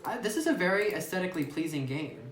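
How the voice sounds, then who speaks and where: Talking fast in a low voice with lively intonation, this woman giggles and chats through her game, reading its text and thinking out loud. She's a gaming YouTuber, recorded on a phone in a roomy space with faint hiss.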